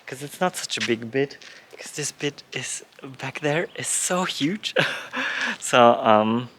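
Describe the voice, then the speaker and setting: A man in his late thirties chatting casually for a vlog, relaxed and often laughing, with many fillers, while showing around a barn and garden. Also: medium pitch, takes it slowly, slight background noise. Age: late 30s. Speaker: vlogger. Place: outdoors and in a barn on a rural property.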